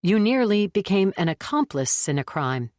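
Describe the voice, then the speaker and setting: A woman narrator voicing a calm female therapist who keeps an even tone and asks probing questions. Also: medium pitch, normal speed, dry recording, studio quality, voice pushed up, close to an everyday voice.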